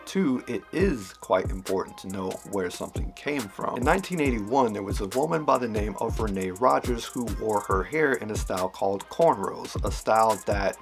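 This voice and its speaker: A middle-aged man giving earnest, articulate commentary in a measured, emphatic way. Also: lowish voice, expressive. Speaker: video creator giving commentary. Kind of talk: explanatory commentary to camera. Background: music behind the voice.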